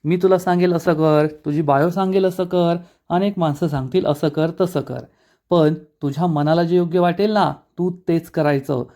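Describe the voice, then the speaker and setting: A man voicing a kindly elderly grandfather who gently advises a young man. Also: on the high side, fairly even intonation, normal speed, lightly acted. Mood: gentle.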